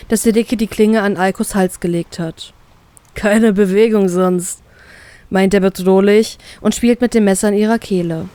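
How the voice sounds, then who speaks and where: A woman reading a first-person fan fiction story aloud, expressive and giving the characters' lines their own colour. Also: medium pitch.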